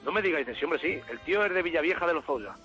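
A man calling a radio show, telling an animated story and acting out the dialogue. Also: on the high side, fast, lo-fi sound, soft background music. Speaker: caller. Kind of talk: telling an anecdote on a call-in show.

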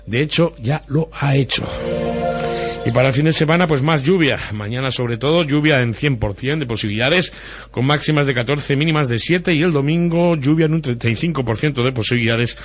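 Husky male local radio presenter. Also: mid-range voice, fairly quick, soft background music. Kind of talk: conversational news and weather reading. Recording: dull lo-fi radio audio.

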